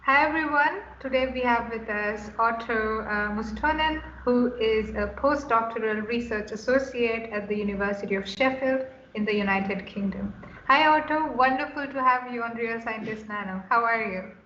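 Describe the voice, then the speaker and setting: A woman hosting an interview, welcoming her guest and encouraging him with quick affirmations. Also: a little high, a bit bright, soft background music. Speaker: interview host. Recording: echoey, dull lo-fi, faint hiss.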